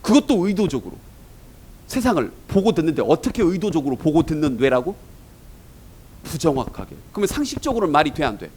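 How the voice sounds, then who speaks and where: A man's voice: fairly high pitch, sing-song, a little fast, darkish tone, slightly rough, low-quality recording. A man teaching an English exam-prep lecture in Korean, asking his students rhetorical questions as he goes.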